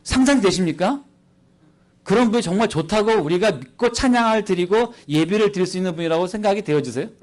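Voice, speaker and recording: Speaking fast in a high-sitting voice, a missionary preaches a sermon at a church service. He is animated and playful, quizzing the congregation through a handheld microphone.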